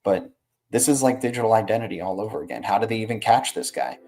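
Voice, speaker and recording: A man's voice: fairly low pitch, quick pace, darkish tone. A man hosting a livestream with casual, slangy market commentary, rambling along and tagging phrases with "right" and "man". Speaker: livestream host.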